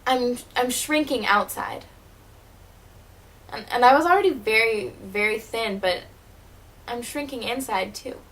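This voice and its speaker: A woman playing a wounded, wry teenage girl who was once a child stage performer, delivering a dramatic monologue in a bitter, halting way. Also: on the high side, a bit bright, low-quality recording. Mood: hurt, bitter. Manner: bitter, hurt, halting with repeated words.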